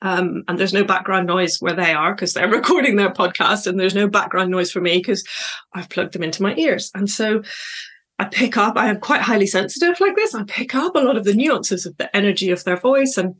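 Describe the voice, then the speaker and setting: A woman's voice: mid-range voice, brisk, fairly bright tone. Chatty woman hosting a podcast. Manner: chatty, reflective, digressive with frequent fillers and laughs. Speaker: podcast host and coach. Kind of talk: solo podcast monologue.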